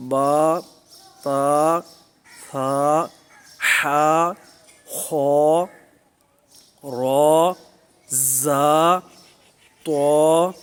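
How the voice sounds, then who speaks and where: Middle-aged man, recitation teacher, slightly high voice, patient and methodical. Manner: patient, repeats points, models each syllable loudly and drawn out. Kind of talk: alphabet pronunciation lesson.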